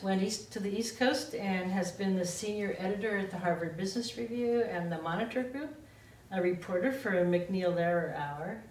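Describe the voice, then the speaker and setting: A college instructor with a fairly low, darkish voice introduces guests to her class in a plain, organized manner. She's captured from far off in an echoey classroom with faint noise.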